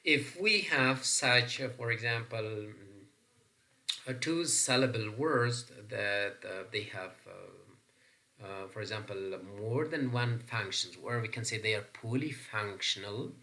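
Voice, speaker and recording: A man's voice: on the low side, measured pace, pushed and bright. A man with an Afghan accent teaching an English pronunciation lesson, explaining step by step with frequent fillers and restarts. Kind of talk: recorded classroom lesson.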